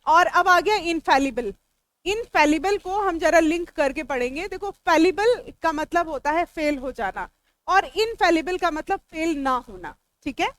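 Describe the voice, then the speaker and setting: A woman's voice: extremely high pitch, animated, unhurried, fairly bright tone, no room sound. A woman teacher with an Indian English accent, giving a classroom lecture that breaks each word into its parts and answers students as she goes. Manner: explains word meanings step by step, talks back to students.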